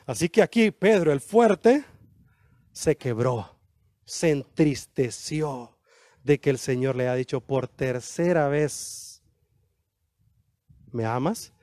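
A man preaching an animated sermon, acting out quoted dialogue with slow, emphatic lines. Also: mid-range voice, dry recording, studio quality.

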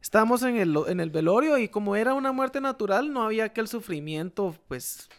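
A young man with a Guatemalan accent, chatting casually and telling stories, often tagging his sentences with a quick "va, vos". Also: high-pitched, animated, clear, resonant tone. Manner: storytelling, tags sentences with "va, vos". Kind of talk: casual chat.

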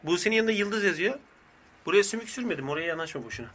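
A man's voice: sits high, lively intonation, a bit bright, slight background noise. A man co-hosting a radio show, bantering casually and teasing his partner with jokes. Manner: joking, teasing, quick laughs.

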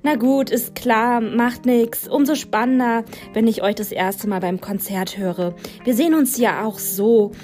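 A woman's voice: a little high, measured pace, hardly any pauses, darkish tone, soft background music, close to an everyday voice. A woman voicing an eager, chatty teenage girl in a storybook, bubbly and a little pushy. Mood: cheerful.

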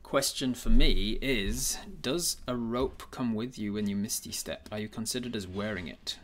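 A man narrating a tabletop game as game master, improvising haltingly and repeating words as he thinks aloud. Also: fairly low pitch, fairly bright tone.

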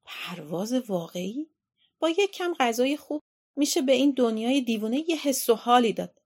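Storybook aunt, middle-aged, bossy and bustling, high-pitched and gravelly, woman reader doing her. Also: expressive. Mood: coaxing. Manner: shouting and chattering eagerly.

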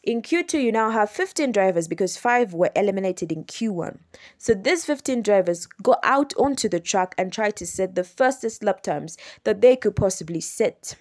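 A woman's voice: mid-range voice, expressive, moderate pace, darkish tone. A young adult woman from Uganda, hosting a solo podcast and patiently explaining rules step by step, often repeating and correcting herself. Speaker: podcast host.

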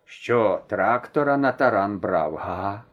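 A man voicing a grumpy old village grandfather who scolds slowly and gruffly in an audiobook story. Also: fairly low pitch, animated, highs cut off, voice pushed down. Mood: mocking.

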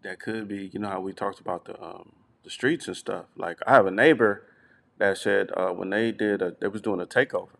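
A man's voice: sits low, brisk, gravelly, fairly bright tone. A middle-aged man co-hosting a casual podcast chat, telling stories and often repeating his words. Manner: storytelling, repeats words, often says "you know what I'm saying". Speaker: podcast co-host.

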